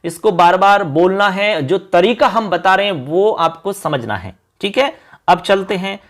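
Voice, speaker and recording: A male teacher leads an exam-prep lesson, reciting word forms in a slow sing-song chant. His voice sits high and his pace is unhurried. He stops between forms to explain how to remember each one. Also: lively intonation, a crowd in the background.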